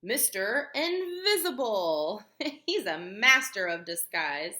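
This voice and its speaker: A woman reads aloud from a children's book in the style of a teacher, using a mid-range voice that is expressive and full of emphasis. Pausing periodically, she explains parts of the story and asks the young audience questions. The room sound is large and echoey.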